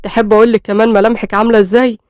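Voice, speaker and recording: A courteous young husband with an Egyptian accent, calm and reassuring in every word, as a woman reads him. The voice comes quick and close, with a dry sound and no room around it. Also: on the high side, no echo, natural voice. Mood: gentle. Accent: Egyptian Arabic.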